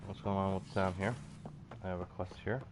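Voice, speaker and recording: Low voiced guy losing his voice, rambling game commentary, faint noise. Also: steady tone, a little fast. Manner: rambling, half-muttered asides. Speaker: game streamer. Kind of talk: casual gameplay commentary.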